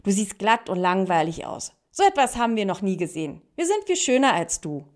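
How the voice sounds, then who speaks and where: A woman voicing a group of teasing water plants that sound high and boastful. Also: sing-song, fairly quick, darkish tone, close to an everyday voice. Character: mocking, giggling water plants.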